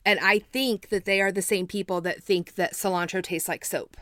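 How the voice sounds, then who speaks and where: Woman, 40s, podcast guest, rambling and self-deprecating, mid pitch, dry mic. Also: steady tone, moderate pace, a bit bright, dry recording. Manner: chatty, rambling, self-deprecating with frequent side notes. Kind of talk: casual chat.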